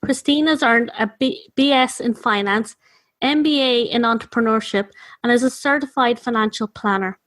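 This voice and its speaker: A woman with a fairly high, fairly bright voice speaks at a moderate pace while hosting a podcast interview. She introduces her guest and asks chatty questions, with plenty of fillers.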